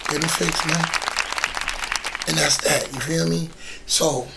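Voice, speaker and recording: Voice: mid-range voice, fairly even intonation, slow, vocal fry, over a noisy crowd, heavy background noise. A podcast co-host in casual chat who swears freely, talks in slang and repeats words while thinking.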